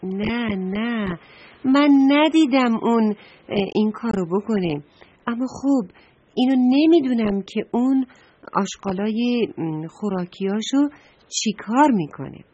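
A woman's voice: a little high, animated, dark tone, slightly rough, highs cut off, voice pushed up. A woman voicing a worried talking blue trash can in a children's story, speaking emphatically with many hesitations. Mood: fretful.

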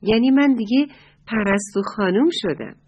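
A woman's voice: a little high, animated, darkish tone, breathy edge, dull audio, pitched above the performer's own voice. A woman voicing a proud young swallow chick boasting that it has grown up, in a storybook tale.

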